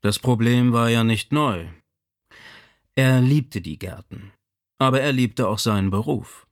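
A man reading a novel aloud as narrator, measured and expressive. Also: mid-range voice. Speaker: audiobook narrator. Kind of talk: scripted narration.

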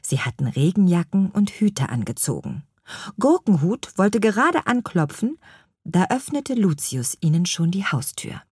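A woman reads a children's story aloud, unhurried and with a lot of movement in her voice. Her tone stays gentle and clear. The sound is dry and close, with no room echo. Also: lowish voice, sing-song.

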